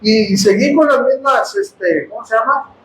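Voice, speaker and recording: A man with a Mexican accent preaching a sermon testimony, impassioned and often bursting into shouts as he addresses his brothers. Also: extremely high pitch, normal speed, roomy sound, a little hiss or hum, rough recording. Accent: Mexican Spanish. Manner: impassioned, bursts into shouting, calls listeners "hermanos". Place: house of prayer.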